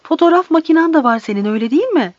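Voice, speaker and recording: A woman voicing an eager, friendly village boy who pleads in a raised, bright voice. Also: high voice, expressive, rapid-fire, dry recording, voice pushed up. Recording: dry, slightly dull recording.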